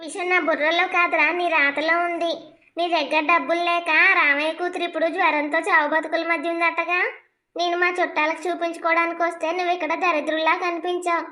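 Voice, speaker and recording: Nasty taunting village lady, super high sharp voice, flat tone, cartoon drama. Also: fast talker. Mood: sneering. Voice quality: sneering, mocking. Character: spiteful village woman Subbamma, taunting.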